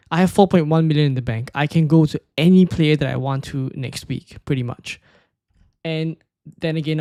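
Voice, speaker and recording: A man's voice: fairly high pitch, darkish tone, no room sound, clean studio sound. A man from Singapore, casually talking through his picks and answering chat questions on a live stream, thinking aloud with fillers and restarts. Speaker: fantasy football streamer.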